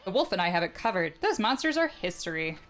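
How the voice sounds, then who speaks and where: A woman voicing a brash, cocky tiny male sprite from a game, talking fast and boastful. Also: on the low side, very animated, a bit bright, faint music behind, pitched below the performer's own voice.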